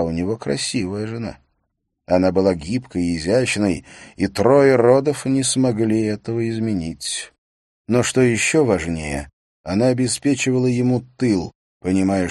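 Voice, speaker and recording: A man reading a thriller audiobook in a measured, even storytelling voice. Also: lowish voice, no room sound, studio quality. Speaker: audiobook narrator. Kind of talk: scripted audiobook narration.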